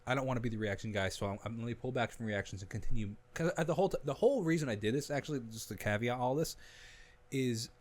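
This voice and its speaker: A young man, a musician guest on a podcast, telling his story in a casual, animated way with frequent restarts. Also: mid-range voice, fast. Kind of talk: casual conversation.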